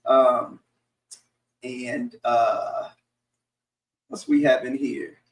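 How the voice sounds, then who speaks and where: A man with a hoarse, raspy, congested voice hosts a casual live-streamed panel chat, halting as he goes. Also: mid-range voice, little pitch movement. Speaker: host of a panel discussion. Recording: roomy echo, distant mic.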